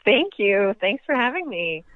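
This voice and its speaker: A woman's voice: mid-range voice, big pitch swings, unhurried, no echo. A woman from Sweden, answering interview questions as a guest actress in a hesitant way with many ums. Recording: tinny phone line.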